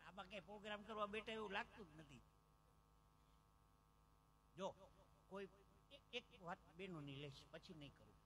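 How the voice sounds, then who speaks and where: A high-pitched, bright-voiced man with a Gujarati accent tells comic stories on stage, animated and playing every character himself. He speaks into a handheld mic through a live PA, with a faint hum behind him. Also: normal speed, long pauses. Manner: animated joke-telling, acting out other voices. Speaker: folk comedian on stage. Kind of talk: live Gujarati dayro comedy storytelling. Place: outdoor village stage with a PA system.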